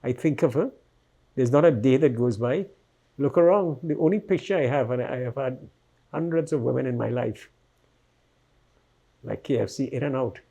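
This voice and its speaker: A man's voice: mid-range voice, normal speed, creaky, long pauses, dark tone, breathy edge. A man giving a vivid personal account in an interview, acting out the voices he quotes.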